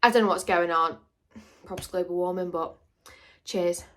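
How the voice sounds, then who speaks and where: A woman's voice: on the low side, fairly even intonation, normal speed, fairly bright tone. A young woman talks straight to camera in a loose, chatty Q&A. She rambles, loses her thread and throws in dry little jokes as she goes. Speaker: vlogger. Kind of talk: casual Q&A chat to camera.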